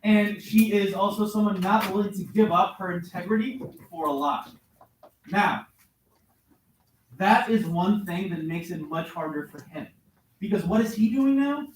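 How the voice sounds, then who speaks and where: High-pitched guy teaching a class, keeps asking questions, super echoey far-off room. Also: a little slow, a little hiss or hum. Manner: questioning, coaxing students. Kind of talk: classroom lesson.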